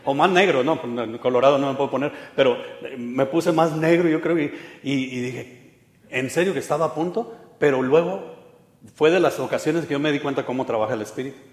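A man's voice: medium pitch, brisk. A man preaching a sermon in a conversational, storytelling way with humorous asides. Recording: echoey hall with long reverb.

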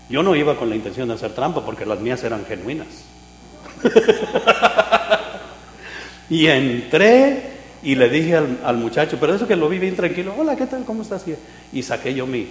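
A man preaching a sermon, telling a humorous personal story with loud exclamations and quiet asides. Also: mid-range voice. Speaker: pastor. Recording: echoey hall with mains hum.

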